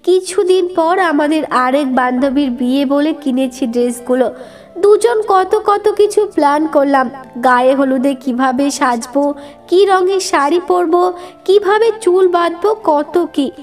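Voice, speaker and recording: Woman story reader, high voice, emotive first-person narration, soft music underneath. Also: a little slow. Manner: emotive, dramatic reading. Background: faint background music.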